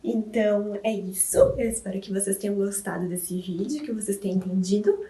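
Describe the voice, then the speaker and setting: A woman's voice: medium pitch, brisk, dark tone. Echoey Brazilian woman teaching English. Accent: Brazilian Portuguese. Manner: patient, checks in with tag questions. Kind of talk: classroom explanation. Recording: echoey room, mic at a distance.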